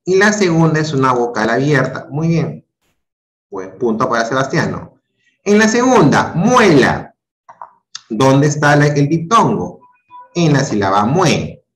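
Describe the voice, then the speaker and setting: A man's voice: medium pitch, sing-song, unhurried, a bit bright, echoey room. A male teacher giving an online class, patiently questioning and repeating his students' answers. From Peru. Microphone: video call.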